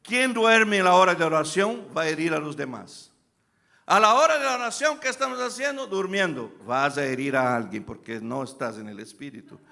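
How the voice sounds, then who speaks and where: A gravelly, slightly high-voiced pastor from Brazil preaches in Spanish at a normal speed, his Brazilian accent clear. Inside the church sanctuary, his sermon moves from hushed stories to loud, shouted preaching as he calls out to the congregation.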